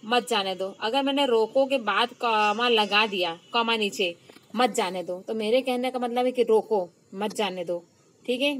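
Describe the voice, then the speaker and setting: A woman teacher giving an online class lecture, explaining slowly, repeating key terms and stressing example phrases. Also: fairly high pitch, fairly bright tone, poor audio.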